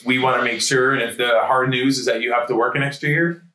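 A man's voice: medium pitch, fairly even intonation, fast, sharp tone. A man speaking as a guest financial advisor, giving advice and anecdotes in a conversational way. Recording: roomy, echoing sound.

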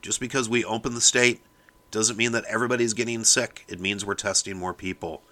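A man's voice: on the low side, fairly even intonation, fairly quick, sharp tone. A man hosting his own podcast, delivering a fired-up opinion monologue and lecturing his listeners, often calling them "people". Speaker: podcast host.

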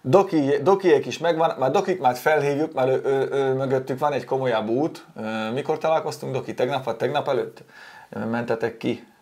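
Male host, mid-pitched, chatty and jokey, easy casual delivery. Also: a little mellow. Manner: joking, talkative. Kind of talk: casual chat.

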